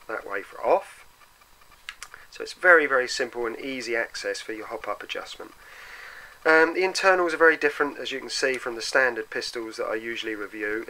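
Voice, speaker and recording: A man with a gravelly voice, roughened by a bad cold and sore throat, giving a casual, explanatory hands-on product review. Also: sharp tone, poor audio. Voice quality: gravelly, deeper than usual from a cold. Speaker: product reviewer for an airsoft custom shop.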